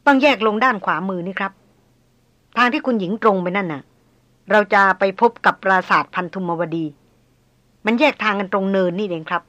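A woman's voice: medium pitch, lively intonation, brisk, pauses often, pushed and bright. A woman reading as a curt veteran jungle hunter. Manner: curt, firm, scolding. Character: terse seasoned male jungle hunter guide.

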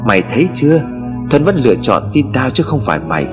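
A scheming, vindictive woman ghost in a spoken horror story, as a male narrator puts her on, sneering and menacing, her pitch swinging widely. Soft music plays faintly behind the reading. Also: big pitch swings, quick pace, lightly acted. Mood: taunting. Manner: sneering, threatening. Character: vengeful cunning female ghost, taunting.

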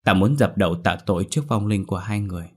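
A man's voice: lowish voice, expressive, fast, breathy edge. A man voicing a young male exorcist in his thirties, anxious and blunt, in a storybook reading. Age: 30s.

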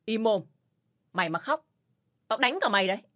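Woman putting on a violent, sneering male abuser; audio story, loud barked threats, mid-range voice. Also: mid-range voice, moderate pace, natural voice. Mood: snarling. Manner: leering, snarling threats. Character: brutal abusive adult man, crude and threatening.

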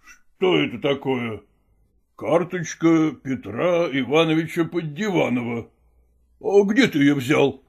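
A woman reading a storybook, voicing an enraged old male nobleman who blusters and shouts. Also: low-pitched, lively intonation, takes it slowly, gravelly, breathy edge, voice pushed down, heavily acted. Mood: grumbling.

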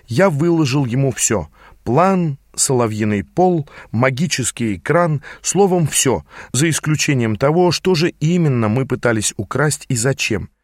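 A man narrating a first-person fantasy audiobook in an even storytelling manner. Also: medium pitch, a little slow, dry recording, studio quality.

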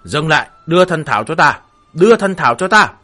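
Man doing a loud, mocking shadow guard. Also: on the high side, very animated, brisk, soft background music, exaggerated voice. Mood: barking. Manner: harsh, mocking commands. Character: menacing male shadow guard, a cold hunter.

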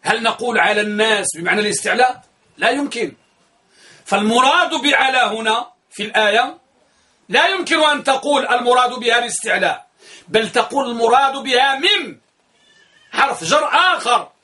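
Male grammar teacher, high-pitched, drills key phrases through repetition. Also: expressive, a little fast, pushed and bright. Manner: asks his class questions, then answers them himself; repeats key phrases for emphasis. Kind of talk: classroom grammar lesson.

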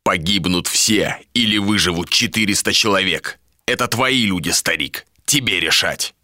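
A man's voice: sits low, moderate pace, bright, forceful tone, dry recording, clean studio sound. A man voicing a harsh, curt male sea captain and warrior in an audiobook. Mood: stern. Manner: curt, commanding.

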